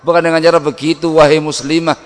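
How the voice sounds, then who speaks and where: A middle-aged man preaching a sermon on family life, lively, acting out home scenes in sudden loud voices. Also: a little high, fast talker. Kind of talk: Islamic sermon.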